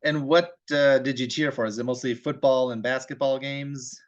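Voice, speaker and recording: A man's voice: mid-range voice, fairly even intonation, moderate pace, muffled recording. Attentive man interviewing his mother. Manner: attentive, sums up her answers back to her. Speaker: interviewer, her son. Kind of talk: casual family interview.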